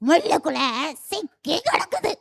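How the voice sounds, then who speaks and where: A woman's voice: extremely high pitch, sing-song, normal speed, gravelly, full character voice. A woman voicing a kind crow in a puppet show who caws and offers help. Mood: helpful. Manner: plaintive then eager, cawing. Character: kind, helpful crow, gloomy about having two legs.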